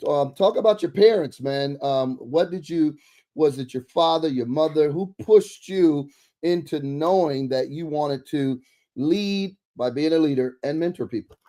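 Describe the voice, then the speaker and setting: A man's voice: fairly high pitch, measured pace, dark tone. A man hosting a church talk show, introducing and interviewing a guest in a preacherly way, often saying amen.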